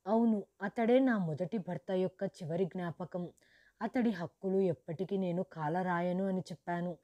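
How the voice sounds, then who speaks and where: A woman narrating a storybook in the first person as a grieving, widowed mother who lost her wealth, in a steady, measured reading. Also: lowish voice, dry recording, lightly acted.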